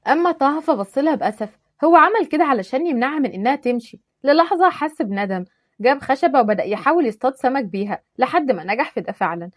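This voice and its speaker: A woman storyteller with an Egyptian accent, narrating a story in a lively, dramatic way. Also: sits high, fast talker, no room sound, clean studio sound. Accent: Egyptian Arabic.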